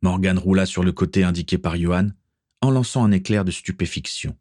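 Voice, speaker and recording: A man narrating an adventure story in a steady, even reading voice. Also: deep voice, fairly quick, no echo, studio quality. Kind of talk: audiobook reading.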